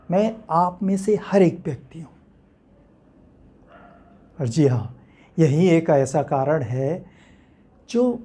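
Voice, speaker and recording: Here an actor voices a mysterious man in a theatrical monologue, pitched around the middle of the male range or a touch above. The character muses philosophically and doubts himself, asking the audience rhetorical questions with thoughtful, deliberate pauses. His tone is warm and slightly rough, and the voice is exaggerated.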